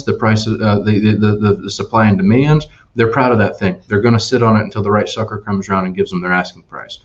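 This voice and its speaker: A man, an RV salesman appearing as a guest on a webinar, tells customer stories and makes his sales pitch in an animated, emphatic way with many restarts. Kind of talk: storytelling sales talk. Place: Ohio dealership office. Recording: dull lo-fi webinar audio.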